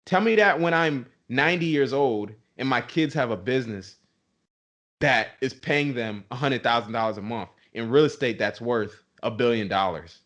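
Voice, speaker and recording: A man's voice: medium pitch, normal speed, a bit bright. A young man co-hosting a podcast, ranting with heavy emphasis and calling listeners "bro". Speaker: podcast co-host. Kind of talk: passionate podcast rant.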